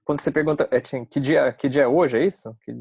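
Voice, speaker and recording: Man, student, hesitant questions, gravelly voice, mid pitch. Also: quick pace, a little mellow, dry recording, clean studio sound.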